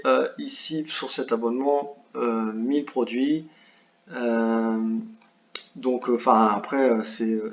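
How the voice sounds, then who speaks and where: A man giving a screen-share software tutorial, talking hesitantly with many fillers and restarts. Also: mid-range voice, slight background noise. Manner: apologetic about his English pronunciation. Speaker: online business tutor. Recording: roomy, slightly dull home recording.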